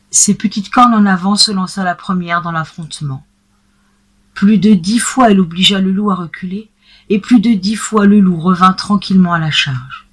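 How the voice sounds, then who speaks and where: A woman calmly narrating a classic tale in a measured storytelling manner. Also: mid-range voice.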